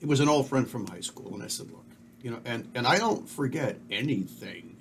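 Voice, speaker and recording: A middle-aged man talks casually as a podcast co-host, rambling and sure of his opinions. His voice sits at a middle pitch. A faint hiss runs underneath. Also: lively intonation, a little fast, gravelly. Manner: rambling, opinionated, self-assured. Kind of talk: casual chat.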